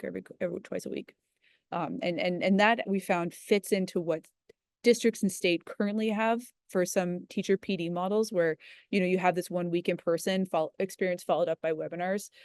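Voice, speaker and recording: A woman's voice: fairly low pitch, darkish tone, dry recording. Woman walking through her program, dry close sound, talks on and on, video call. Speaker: education program leader. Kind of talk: panel discussion.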